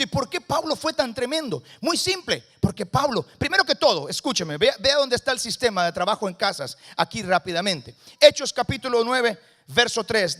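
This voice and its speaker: Costa Rican male guest preacher, high pitch, call-and-response sermon in a church. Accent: Costa Rican Spanish. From Costa Rica. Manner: calls for congregation responses, shifts between loud and hushed. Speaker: guest pastor. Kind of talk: lively Spanish sermon. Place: church sanctuary.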